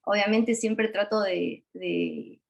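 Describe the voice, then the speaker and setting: A woman's voice: mid-range voice, takes it slowly, creaky, muffled recording. Shy Argentine woman on a video call. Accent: Argentine Spanish. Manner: shy, hesitant, many fillers. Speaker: panelist. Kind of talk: virtual panel talk.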